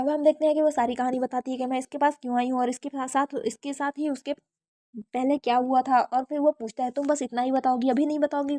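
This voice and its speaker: A woman's voice: sits high, warm tone, dry recording. A woman narrating a drama recap in a casual storytelling way, retelling the characters' lines in her own voice with frequent restarts.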